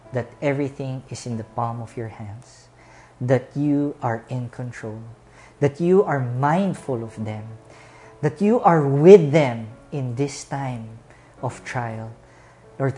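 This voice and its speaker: A woman's voice: very deep voice, warm tone. A woman with a Filipino accent preaching a sermon and leading a closing prayer at a pulpit microphone in a church, earnest and repeating phrases for emphasis.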